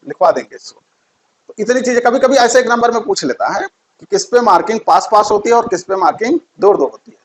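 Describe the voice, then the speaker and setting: A man's voice: high voice, poor audio. A man giving a physics lesson, repeating key terms and quizzing his students. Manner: repeats key terms, asks quiz questions. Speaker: teacher.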